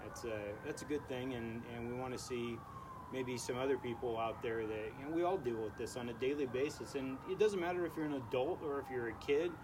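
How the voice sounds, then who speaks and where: A man's voice: mid-range voice, fairly quick. A man hosting a casual podcast, talking at length in a rambling way. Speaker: podcast host. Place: outdoors in a backyard at night. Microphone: studio microphone on a stand. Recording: noisy outdoor backyard recording.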